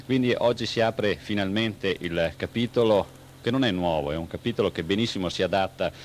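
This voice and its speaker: A man with a deep voice gives reflective sports commentary. He phrases things solemnly and rhetorically, repeating words as he builds. The 1980s radio recording carries light noise. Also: brisk. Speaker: newspaper sports editor as commentator.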